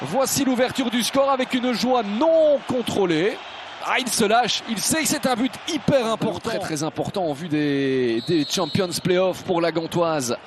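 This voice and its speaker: Very high-pitched male football commentator. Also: animated, measured pace. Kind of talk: animated live football commentary. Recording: noisy stadium ambience.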